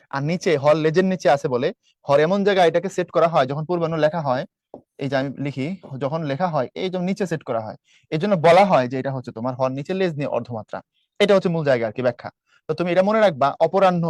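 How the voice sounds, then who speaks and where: A man tutoring students through exam questions, explaining briskly and asking rhetorical questions as he goes. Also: a little high, darkish tone, dry recording. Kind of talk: spoken lesson solving exam questions.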